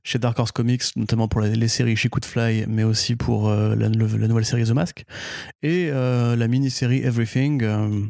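A talkative man co-hosting a podcast, explaining things at length with many fillers along the way. His voice is mellow and warm, and the sound is close and dry. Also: medium pitch, fairly even intonation, normal speed, vocal fry, no echo. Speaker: podcast co-host. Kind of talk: casual podcast chat.

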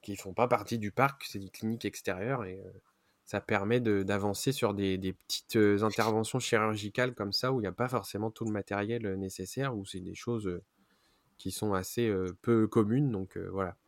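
A man presenting a zoo news roundup on a podcast, often pausing with fillers and correcting himself. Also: lowish voice, fairly even intonation, dry recording, clean studio sound. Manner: frequent hesitations and self-corrections.

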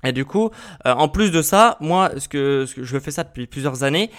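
A man's voice: a little high, animated, normal speed, fairly bright tone. Chatty man explaining fitness on a podcast. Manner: addresses listener informally, frequent filler sounds and restarts, checks in with "ok?". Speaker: podcast host. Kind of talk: casual health and fitness podcast talk.

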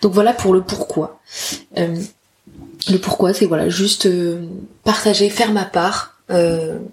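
Female podcaster, 30, slightly low register, informal and self-deprecating, gropes for words. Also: fairly even intonation, unhurried. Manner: candid, self-deprecating, slangy. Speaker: podcast host, photographer. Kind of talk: casual solo podcast monologue.

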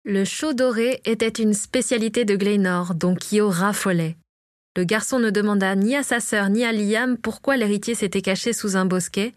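A woman's voice: medium pitch, dry recording. Woman reading a storybook aloud, dry sound. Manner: reads all characters herself, lightly varying her voice. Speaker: audiobook narrator. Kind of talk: scripted storybook narration.

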